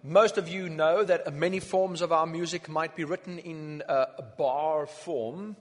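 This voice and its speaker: A man lecturing on music in short phrases, pausing for an interpreter and counting out beats. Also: on the high side, steady tone. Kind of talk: lecture given through an interpreter. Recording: long hall reverb.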